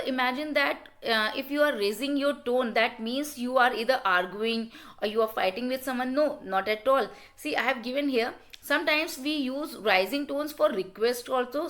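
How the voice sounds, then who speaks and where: A woman's voice: sits high, fairly bright tone. A woman with an Indian English accent giving a classroom lecture. She mixes in Hindi explanations and keeps checking with "okay?".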